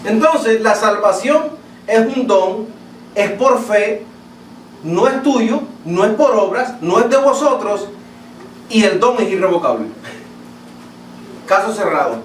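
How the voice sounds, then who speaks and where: A Latin American man preaching a sermon as pastor, emphatic and repetitive, often asking his listeners questions. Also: sits high. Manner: emphatic, repeats words and asks the congregation questions. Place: church sanctuary. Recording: echoey church hall, voice from a distance, faint room noise.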